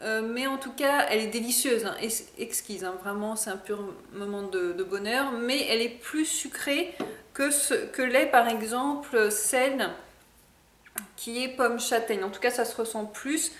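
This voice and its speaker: A woman's voice: on the high side, unhurried, fairly bright tone, reverberant, slight background noise. A woman chatting casually in a product review vlog, hesitant with many fillers. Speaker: vlogger.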